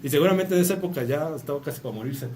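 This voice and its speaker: A Mexican man lectures at a rapid clip in a relaxed, chatty way, tagging his points with a quick "no?" and slipping in jokes. He sounds a little distant from the microphone, with a faint hum of room noise behind him. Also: on the high side. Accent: Mexican Spanish. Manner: chatty, tags phrases with a questioning "no?", joking asides. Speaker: university lecturer. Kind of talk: casual academic talk.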